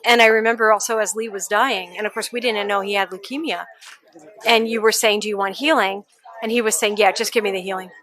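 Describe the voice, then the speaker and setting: A woman telling lively, laughing stories about her cat in a casual interview. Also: medium pitch. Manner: animated, laughing storyteller. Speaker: interviewee, pet owner. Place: outdoor adoption event.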